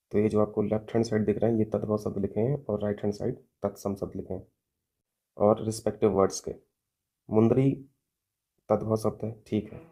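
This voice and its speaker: A coaching teacher with a mellow, lowish voice walks students through Hindi grammar mock test questions in careful steps. Along the way he often asks "theek hai" and "hai na" to confirm they're keeping up.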